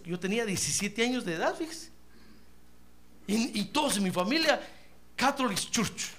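A man preaching an animated sermon, often calling the listener brother. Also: high voice. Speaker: pastor.

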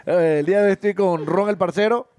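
A man's voice: high voice, fast, a little mellow, no room sound. A man hosting a casual sports podcast, upbeat and laughing, with many hesitant fillers. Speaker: podcast host.

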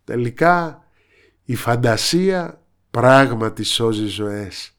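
A man playing a kind, bearded old sea captain who speaks slowly and calmly. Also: medium pitch, clean tone, natural voice.

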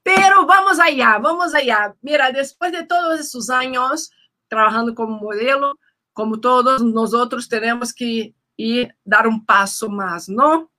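Bubbly Mexican woman host, high and bright, laughs easily. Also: unhurried. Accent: Mexican Spanish. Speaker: show host. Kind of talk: casual interview chat.

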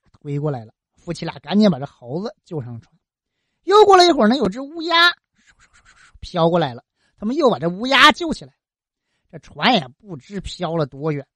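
A woman telling a folk tale in a colloquial, lively way, full of interjections and sound effects. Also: mid-range voice, no echo. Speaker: storyteller.

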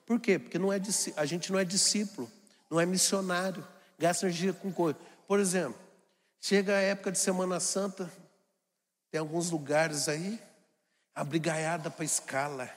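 Priest giving a homily, high voice, lively, long church echo. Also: male voice, moderate pace. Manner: animated, acts out family scenes in put-on voices.

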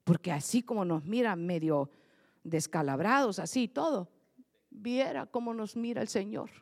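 A woman pastor preaching a lively sermon, switching from quiet asides to loud, rising exhortation. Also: mid-range voice, moderate pace, creaky, big-room sound. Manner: animated, swings from soft asides to loud preaching.

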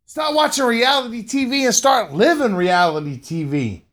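A man's voice: very high voice, expressive, moderate pace, fairly bright tone. A middle-aged man hosting a podcast, giving a motivational monologue, repeating lines for emphasis and often calling the listener "man". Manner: slangy, says "man" often. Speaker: podcast host and motivational speaker.

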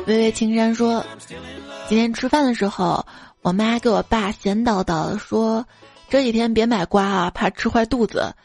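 A woman's voice: a little high, moderate pace, darkish tone, faint music behind. A woman radio show host reading out listener jokes, playful and acting out the quoted voices.

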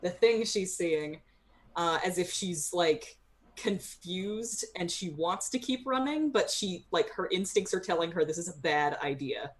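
A woman casually describing her character's actions in a tabletop game, halting as she searches for words. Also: fairly low pitch, expressive.

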